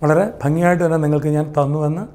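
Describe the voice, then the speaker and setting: A man's voice: fairly high pitch, flat delivery, very fast, a little mellow. A man with a Malayali accent teaching English grammar, asking the class questions and then answering them himself. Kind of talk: explaining grammar in a lesson.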